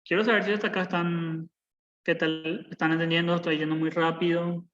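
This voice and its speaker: A man's voice: fairly high pitch, level tone, a little fast, a bit bright, dull audio. A young man in his twenties teaching a live online programming class, patient and repetitive, often checking in with his students. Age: 20s. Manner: patient, repeats points, checks in with "¿verdad?". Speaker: programming instructor. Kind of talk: live online coding lesson. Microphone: video call.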